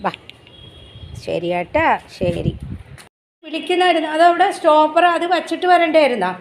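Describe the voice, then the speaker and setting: Lady cooing at her dog at home, high voice, faint background hum. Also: very animated, normal speed. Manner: coaxing baby talk to a dog. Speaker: pet vlogger. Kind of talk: casual chat to the dog and viewers. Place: home, indoors and up on the terrace.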